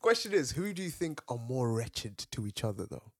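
A young man with an urban London roadman accent, telling stories in casual, slangy banter with animated reactions and repeated phrases. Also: mid-range voice, normal speed, no room sound, studio quality. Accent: London, urban roadman slang style. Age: young adult.

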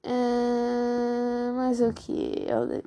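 A woman's voice: fairly high pitch, monotone, extremely slow, mellow. A teenage girl with a European Portuguese accent, chatting casually and gossiping about her class in a slangy way. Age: teens. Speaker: student vlogger. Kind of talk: casual chat.

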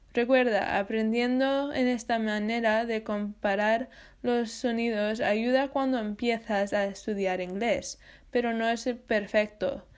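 A woman giving a scripted English pronunciation lesson, spelling out sounds slowly and carefully. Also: on the high side, a little mellow, clear, resonant tone. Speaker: English teacher.

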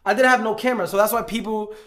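A male podcast guest tells a story in casual chat, animated and rapid-fire in a high-pitched voice. He stumbles and repeats words while acting out what others said.

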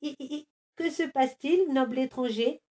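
A giggly giant panda, voiced by a woman reading, high and quick with tittering courtesy. He is gentle and fussily polite, a storybook creature.

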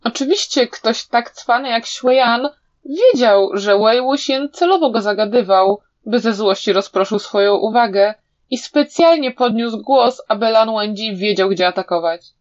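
A woman reading a fantasy novel aloud in an even, measured voice, as an audiobook narrator, in a slightly dull recording. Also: on the high side. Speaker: audiobook reader.

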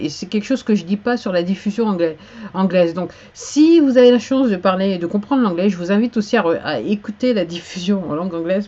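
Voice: medium pitch, darkish tone. A singer-songwriter from France chatting unscripted on a live stream, rambling and hesitant with many restarts. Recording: slightly dull lo-fi sound.

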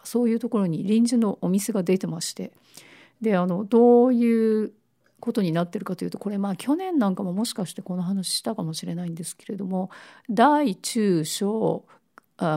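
A woman hosting a casual radio show in a polite way, her voice raspy like a smoker's and hoarse from a lingering cold. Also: mid-range voice, dark tone.

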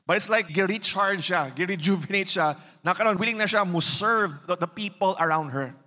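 A high, bright-voiced man with a Cebuano Filipino accent preaches to his congregation in a conversational way, moving between English and Bisaya and checking in with rhetorical questions. His voice carries a long reverb from a church hall. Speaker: pastor. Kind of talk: sermon.

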